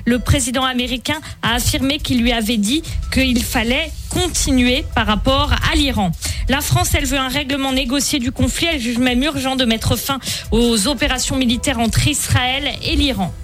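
A woman correspondent reading a radio news bulletin in a crisp delivery. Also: high voice, normal speed, a bit bright, faint music behind.

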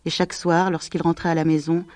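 A woman reading a novel aloud at a slow, measured, gentle pace. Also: deep voice, level tone. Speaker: audiobook narrator. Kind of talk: slow scripted literary narration.

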